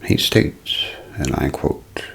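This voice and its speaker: A man's gravelly, husky, slightly bright voice carries a scripted, dramatic ASMR mystery narration, frequently dipping toward a whisper. He phrases things deliberately, like a storyteller.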